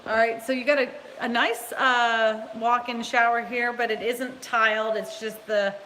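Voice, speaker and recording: A woman's voice: on the high side, fairly even intonation, unhurried, sharp tone, long reverb tail, a little hiss or hum, rough recording. Blunt, chatty woman touring a house. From Massachusetts, USA. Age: adult. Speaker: real estate agent. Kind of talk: casual live-streamed home tour. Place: indoors in an empty new house.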